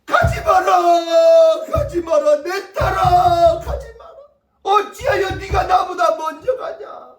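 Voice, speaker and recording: A man voicing a bereaved father pastor who cries and shouts over his dead daughter, heard from afar in an echoing church. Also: very high voice, lively intonation, takes it slowly, a little hiss or hum, voice pushed up, full character voice. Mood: anguished. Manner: crying, shouting. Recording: echoey church from a distance.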